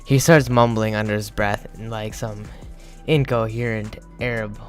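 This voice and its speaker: A man's voice: lowish voice, steady tone, normal speed, soft background music. A young man telling a crude, joking story in a rambling, casual way, full of fillers.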